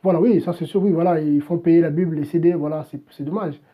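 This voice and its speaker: A man's voice: fairly high pitch, steady tone, quick pace, mellow, husky. A man preaching live on a stream and answering chat questions in a direct, exhorting, repetitive way. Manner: exhorting, repetitive, keeps saying "voilà".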